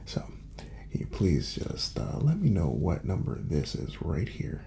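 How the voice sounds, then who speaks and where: In an ASMR medical exam roleplay, a man plays a calm, courteous doctor examining a patient. His low voice is heavily creaky and soft, often slipping into a breathy whisper as he gives gentle, unhurried instructions with a lilting rise and fall. Faint background noise sits underneath.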